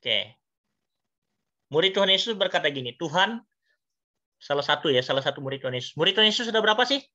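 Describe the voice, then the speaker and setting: A man preaching a youth sermon, telling the story with lively acted-out dialogue and questions to the audience. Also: on the high side, quick pace. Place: church. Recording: dull lo-fi sound.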